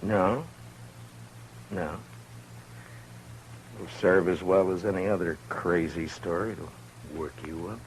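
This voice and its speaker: Deep gravelly marshal, slow and dry, chuckles a lot, old radio western. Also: male voice, fairly even intonation, a little hiss or hum, low-quality recording. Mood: steely. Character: calm, dry-humored frontier marshal. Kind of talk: 1950s radio acting.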